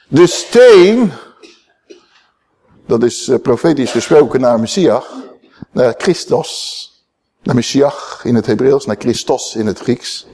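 A man preaching a sermon, quoting scripture dramatically, swinging between emphatic raised calls and low, hushed asides. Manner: quotes scripture aloud, slowing on key words.

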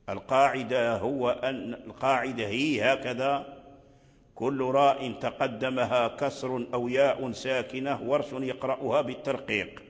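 An older man gives a measured religious lesson and goes back over his phrases so his students can follow them. His voice sits at a middle pitch. It rings with the long reverb of a large hall. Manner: measured teaching delivery, repeats phrases to explain. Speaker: Quran recitation teacher. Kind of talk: religious lesson explaining a didactic poem.

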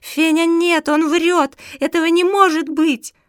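A woman voicing a small, young stray dog girl in a children's audiobook, high and pleading. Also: fairly even intonation, a little slow, no echo, clean studio sound. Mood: desperate. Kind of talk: audiobook reading.

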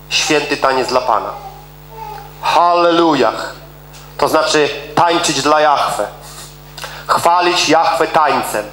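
A middle-aged man preaching a sermon with emphasis, repeating words for stress and swinging between fast and slow delivery. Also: medium pitch, fairly bright tone, reverberant, a little hiss or hum, rough recording.

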